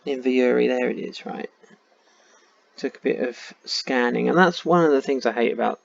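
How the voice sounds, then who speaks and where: A man's voice: mid-range voice, normal speed, gravelly, dry recording. A man with a tired voice, thinking aloud in casual commentary while playing a map game. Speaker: game streamer. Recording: dull lo-fi sound.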